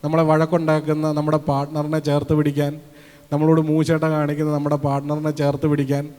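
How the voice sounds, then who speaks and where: A man from Kerala preaches in a fairly high voice, lively and full of questions thrown out to the congregation. He acts out the voices he quotes as he goes. The sound rings with a long reverb from a church hall. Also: a little fast. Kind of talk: sermon.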